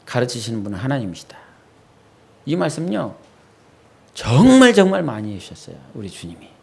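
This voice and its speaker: A male pastor preaching a midweek church sermon in a plain, mid-pitched voice. He talks it through with the congregation, tossing quick questions out to the pews. When he recalls his own prayers, he sinks into a soft, low murmur. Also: big pitch swings, gravelly. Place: church sanctuary.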